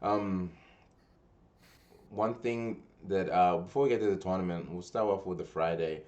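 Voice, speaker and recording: A man's voice: sits low, moderate pace, darkish tone, lo-fi sound. A young man hosting a casual gaming podcast, rambling with lots of restarts and slang. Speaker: podcast host and tournament organizer. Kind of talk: casual chat.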